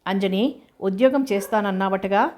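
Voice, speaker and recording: A woman's voice: mid-range voice, normal speed, darkish tone, natural voice. A woman voicing a suited office manager who asks short, controlled, probing questions. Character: smooth predatory office manager, man.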